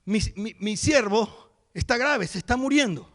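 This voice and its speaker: A man's voice: sits high, lively intonation, measured pace, fairly bright tone, in a large hall. A man voicing a humble, worried Roman centurion in a sermon, pleading.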